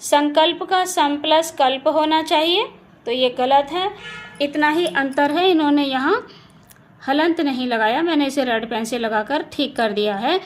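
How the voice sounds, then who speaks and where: Slow, high-voiced woman teaching grammar. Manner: slow, patient, spells words out sound by sound. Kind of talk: exam-prep lesson, checking answers aloud. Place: home beside a railway track. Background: faint household ambience, occasional train noise.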